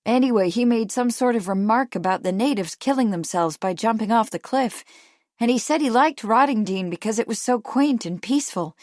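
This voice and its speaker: A woman's voice: a little high, brisk, a little mellow, dry recording, studio quality, close to an everyday voice. A woman narrator voicing an anxious, determined young Victorian woman, speaking earnestly and urgently. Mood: intent.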